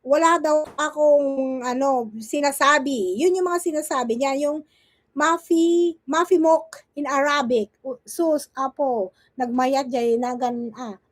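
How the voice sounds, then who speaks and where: A woman's voice: high voice, fairly even intonation, slow, dry recording. A woman vlogger giving mocking reaction commentary, teasing and scolding as she keeps asking her target "okay?" and "ha?". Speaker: vlogger reacting to another streamer.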